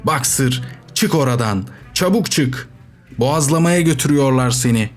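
A man voicing a loyal, motherly mare who cries out desperately in a high, strained voice. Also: normal speed, faint music behind, lightly acted. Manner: crying out desperately.

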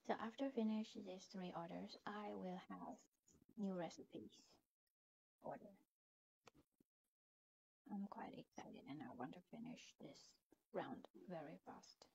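A woman's voice: fairly low pitch, a little slow, gravelly, pauses often, warm tone, highs cut off, a little hiss or hum. A woman narrating her mobile game play, thinking aloud with hesitant fillers and often dropping into a near whisper. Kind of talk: casual gameplay commentary.

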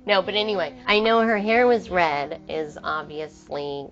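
A woman singer-songwriter with a low-pitched voice talks casually in an interview, circling back and restarting her thoughts as she goes. The sound is muffled and lo-fi, with guitar music playing clearly underneath. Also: steady tone, unhurried, a bit bright. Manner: rambling, frequent restarts and trailing thoughts. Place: in New York.

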